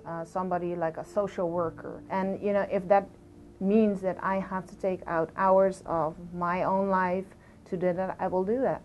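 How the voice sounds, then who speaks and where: A woman's voice: lowish voice, a little mellow. A woman from Aruba, a police deputy commissioner speaking passionately and conversationally in an interview, with frequent fillers.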